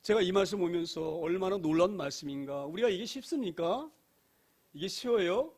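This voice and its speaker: High-pitched pastor guy preaching in church, keeps repeating himself and shouting hallelujah. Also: lively intonation, moderate pace. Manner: emphatic preaching, repeats phrases, rhetorical questions, frequent hallelujahs. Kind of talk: sermon. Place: church sanctuary.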